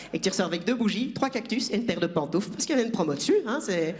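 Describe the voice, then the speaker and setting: A man's voice: high-pitched, animated, fast talker, crowd noise. A man doing a chatty, self-mocking stand-up set on a theatre stage, teasing the audience. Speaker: stand-up comedian.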